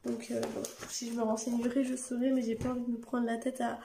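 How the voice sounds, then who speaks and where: Late at night at home under artificial light, a young family vlogger speaks casually to her camera. A cold has left her voice hoarse and gravelly, a little high, level and dark in tone, with slight background noise. She rambles with many hesitations, frequent pauses and restarted sentences.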